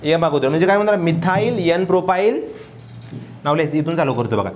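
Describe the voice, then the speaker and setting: A male chemistry teacher delivers a classroom lecture in a slightly high, animated voice with a darkish tone and a faint hiss or hum. He keeps quizzing his students with rapid questions, pressing them to answer out loud.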